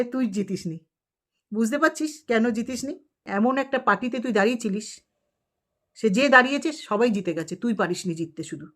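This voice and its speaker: A woman's voice: a little high, a bit bright. Scolding woman ranting on her vlog. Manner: scolding, insulting, rhetorical questions. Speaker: vlogger. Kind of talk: angry rant at a rival.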